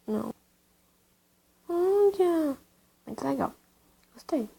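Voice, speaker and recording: Playing a video game, this young female YouTuber talks chattily to her audience in a high, expressive voice that's slow, dark-toned and marked by vocal fry. She coos at an in-game dog, using baby talk.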